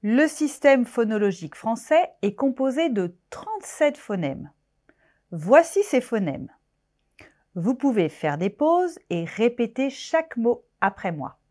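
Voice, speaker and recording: A woman's voice: fairly high pitch, sing-song, a little slow, darkish tone. A woman teaching pronunciation, breaking words into syllables and sounds with careful, exaggerated articulation. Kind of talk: pronunciation lesson.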